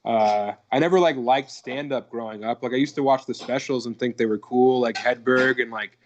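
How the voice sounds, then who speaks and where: A man's voice: mid-range voice, normal speed, lo-fi sound, slight background noise. A man in his thirties from Colorado, a guest comedian chatting casually on a video call, rambling and swearing with lots of "like" and "dude". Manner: rambling and profane, leans on "like" and "dude". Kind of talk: casual podcast chat.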